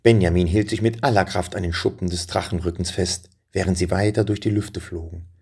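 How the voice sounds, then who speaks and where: A man calmly reading a storybook aloud as a scripted narration. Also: deep voice, a little fast, creaky, slightly rough.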